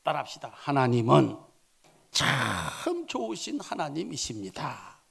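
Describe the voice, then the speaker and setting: A man preaching as senior pastor, telling a Bible story dramatically, swinging between soft asides and loud exclamations. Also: medium pitch, huge pitch swings, a little slow, gravelly, slightly rough. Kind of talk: sermon.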